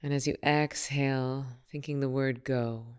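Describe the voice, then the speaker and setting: A female meditation teacher guides listeners in a soothing, unhurried, gently instructive way. Her voice is extremely low in pitch and clean, with fairly even intonation.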